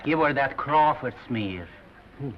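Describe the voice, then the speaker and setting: A man's voice: mid-range voice, animated, measured pace, a little hiss or hum, close to an everyday voice. A man playing a grumbling makeup artist. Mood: fussy. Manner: grumbling, fussy. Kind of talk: 1930s film acting. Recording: dull 1930s film soundtrack, far.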